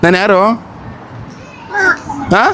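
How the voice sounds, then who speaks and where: A man's voice: drawn-out words, pushed and bright, a little hiss or hum. A young man with a Kannada accent, chatting casually in a vlog, teasing and coaxing a crying little girl. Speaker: vlogger. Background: crowd chatter.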